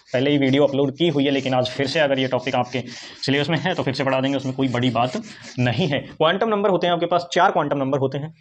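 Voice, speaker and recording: A man teaching a chemistry lesson, asking his class questions and answering them himself. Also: fairly high pitch. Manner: repetitive call-and-response questioning; fast, chatty explaining with Hindi-English mix. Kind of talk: online classroom lecture.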